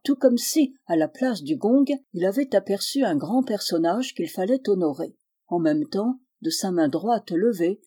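A woman calmly narrating a novel in a measured storytelling voice. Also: mid-range voice, husky. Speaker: audiobook reader.

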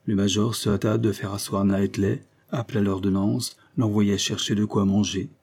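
Low, dark, husky male narrator. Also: little pitch movement, moderate pace. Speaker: audiobook narrator. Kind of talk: scripted narration.

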